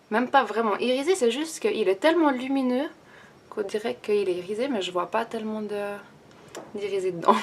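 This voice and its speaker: A young woman chats through her favorite products while applying makeup, thinking aloud with frequent fillers and restarts. Her voice sits at an ordinary middle pitch. A faint hiss runs under the recording. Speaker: beauty vlogger. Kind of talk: casual makeup tutorial and review.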